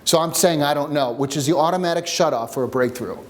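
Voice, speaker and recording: A man coaching a workshop group, teaching with jokes and a personal story in an animated way. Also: a little high, quick pace. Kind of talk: seminar teaching with stories. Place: room with a live audience.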